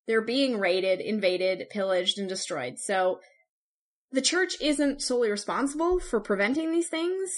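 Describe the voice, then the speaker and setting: A woman with a Canadian accent co-hosting a podcast, chatting casually and laughing often. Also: mid-range voice. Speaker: podcast co-host. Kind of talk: casual chat, scoring popes.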